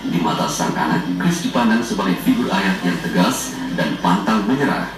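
Deep guy narrating a tv documentary bit, lots of echo, music loud behind him. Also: lively intonation, moderate pace, far from the mic. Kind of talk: scripted TV narration.

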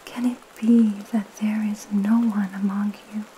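Young woman doing soothing spa-like asmr whisper, slow n soft, mellow, rain behind her. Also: mid-range voice, slight background noise. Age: young adult. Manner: slow, calming, gentle, with pauses. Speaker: ASMR host reading scripture and praying. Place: small indoor room at home. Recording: steady rain sound behind the voice.

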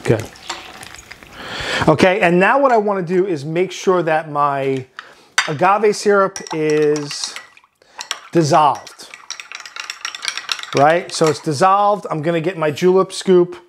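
A chef with a Long Island accent hosting a cooking demonstration, relaxed, often ending points with "right?". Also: male voice, a little high, slow pace, pauses often, background noise. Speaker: chef and host.

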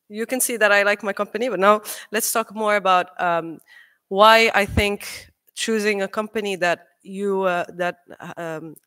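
A young adult engineer from Morocco speaks from the podium of a large auditorium stage into a podium microphone, delivering an earnest, persuasive conference talk. Her or his medium-pitched voice sounds pushed and bright, with frequent ums and uhs.

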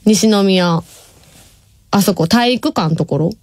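A woman's voice: mid-range voice, takes it slowly, darkish tone, no echo. A woman in her twenties from Hyogo with a Kansai accent, chatting casually on her radio show and reading listener messages, laughing often. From Nishinomiya, Hyogo, Japan. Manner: chatty, laughs often, drawls some words. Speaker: radio host. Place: radio studio.

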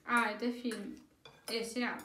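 A woman's voice: on the high side, fairly even intonation, a little slow, sharp tone. A young woman chatting casually for a mukbang vlog, talking while she eats at a table. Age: young adult. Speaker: vlogger. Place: small room at a dining table. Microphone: camera across the table. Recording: roomy, faint cutlery and dish noise.

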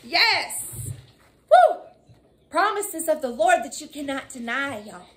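A woman preaching a fervent sermon, crying out hallelujah and woo, calling listeners y'all and drawing scripture lines out slowly. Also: high-pitched, sing-song, fairly bright tone, slight background noise. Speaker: evangelist preacher.

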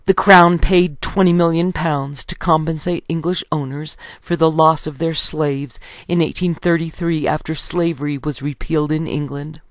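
A woman reading her own history book aloud in a steady, measured way, citing page numbers as she goes. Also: deep voice, no echo, clean studio sound.

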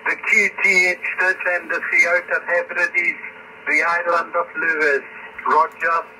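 A man's voice: fairly high pitch, little pitch movement, a little slow, pushed and bright. A man from Scotland working as an amateur radio operator, trading call signs and details over a crackly two-way radio. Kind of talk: radio contact exchange with call signs and phonetic spelling. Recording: distant, noisy, crackly shortwave radio reception. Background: radio static.

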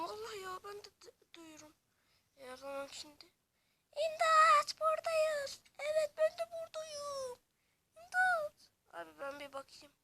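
A woman's voice: high voice, gravelly, sharp tone, a little hiss or hum. A woman acting out a playful Minecraft story, chatty and dramatic as she switches between characters. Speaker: game story narrator. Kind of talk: playful Minecraft role-play, voicing several characters.

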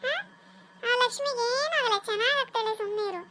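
A very high, shrill cartoon voice of a kind young niece, played by a woman. She soothes and reassures gently. It is a cartoon family drama. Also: a little fast. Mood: soothing gentle. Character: kind young woman comforting her aunt.

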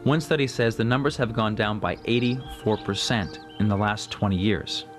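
Male documentary narrator, measured and informative, loud music bed under the voice-over. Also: on the low side.

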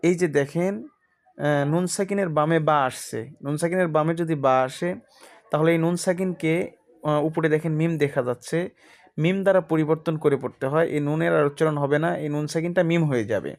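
A man teaching Quran reading, spelling out Arabic letters and vowel marks one at a time in a slow, methodical drill. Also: on the high side.

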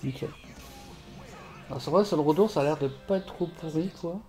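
A man streaming a fighting game from home on a desk mic, swearing and shouting at the game while chatting with viewers. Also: fairly high pitch, brisk, soft background music. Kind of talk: live gameplay commentary. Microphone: desk microphone.

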